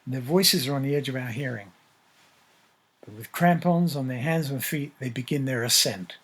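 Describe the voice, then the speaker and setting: A man narrating a scripted story in a measured, descriptive way. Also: mid-range voice, fairly bright tone, breathy edge.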